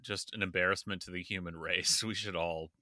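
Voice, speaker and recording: Podcast co-host, male, low-pitched and bright, blunt and sarcastic, dry close recording. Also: steady tone, brisk, no echo. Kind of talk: casual political chat.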